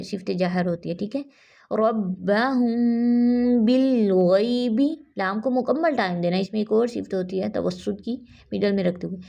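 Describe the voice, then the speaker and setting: A woman teaching Quran recitation in an online lesson, slowly and patiently drilling each sound with many repetitions. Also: medium pitch, vocal fry, darkish tone.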